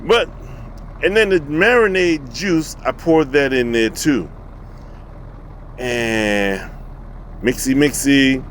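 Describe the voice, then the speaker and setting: A man's voice: fairly high pitch, lively intonation, slow pace, long pauses, a bit bright, a little hiss or hum. A man narrating his home cooking in a casual, playful, rambling way, joking and talking to the food as he goes. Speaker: home cook.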